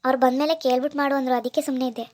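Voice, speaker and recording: A woman's voice: high voice, little pitch movement, very fast, a little mellow, close to an everyday voice. A woman voicing a dutiful young housemaid who answers politely and deferentially. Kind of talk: cartoon voice acting.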